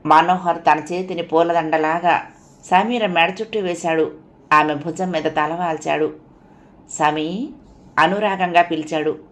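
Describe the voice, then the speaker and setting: Audiobook narrator: woman, low-set voice, calm and quiet reading. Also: normal speed. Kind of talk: scripted narration.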